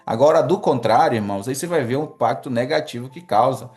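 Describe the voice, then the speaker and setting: Pastor guy preaching on a livestream, earnest, talks to the brothers, soft music under him. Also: medium pitch, fast. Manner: earnest, addresses listeners as brothers, asks the audience questions. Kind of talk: teaching sermon reading from a book. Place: online livestream with chat.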